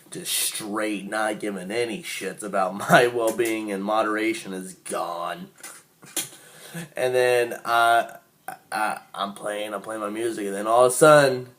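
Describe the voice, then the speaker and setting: A man's voice: mid-range voice, fairly bright tone. A young man telling a rambling, crude personal anecdote and laughing often as he goes. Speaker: storyteller.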